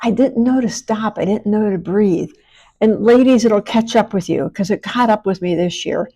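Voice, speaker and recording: A woman's voice: mid-range voice, normal speed, warm tone. A middle-aged American woman with a slight speech impediment on her R and S sounds, the R leaning toward W, giving a frank, colloquial, self-deprecating motivational monologue. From small-town Pennsylvania, United States. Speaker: podcast host and women's empowerment coach.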